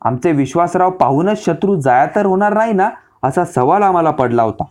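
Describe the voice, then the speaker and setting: A man's voice: a little high, lively intonation, a little fast, a little mellow, voice pushed up, lightly acted. Brief: man playing a courtly, seasoned commander uncle, slightly raised voice. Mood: affectionate. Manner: formal, courtly speech. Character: seasoned male commander, fond and dignified uncle.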